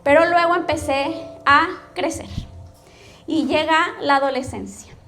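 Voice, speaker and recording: A woman's voice: high-pitched, a little slow, bright, forceful tone, faint music behind. A Mexican woman pastor telling her life story as a testimony, storytelling and often checking in with the audience. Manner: storytelling, addresses the audience directly with frequent "¿ok?". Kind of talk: personal testimony sermon.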